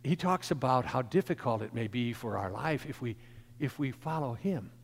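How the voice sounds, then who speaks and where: A man preaching a sermon, his emphatic delivery swelling louder and then dropping soft. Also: medium pitch, animated, normal speed, vocal fry. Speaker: pastor. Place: church sanctuary. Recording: long church reverb.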